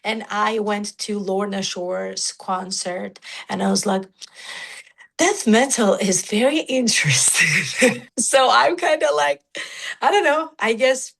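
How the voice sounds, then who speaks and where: A young woman from Georgia, raised in Russia, with a Russian accent and a low alto voice with natural rasp, speaking haltingly in an interview with many fillers. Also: fairly bright tone. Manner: halting, many fillers, non-native grammar. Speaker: musician guest. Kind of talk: casual interview talk.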